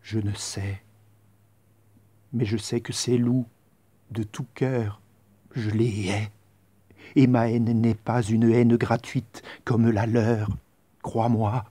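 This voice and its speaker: A man's voice: medium pitch, level tone, takes it slowly, pauses often, mellow, dry recording. A man voicing a proud, scornful young queen, declaiming rhymed stage verse. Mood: defiant.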